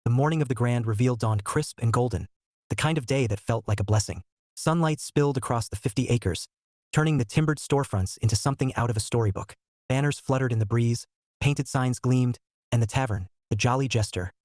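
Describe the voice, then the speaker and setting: A man narrates a romantic short story in a steady, measured way. His voice sits in an ordinary middle range, recorded close and dry with no room sound. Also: mid-range voice, no echo.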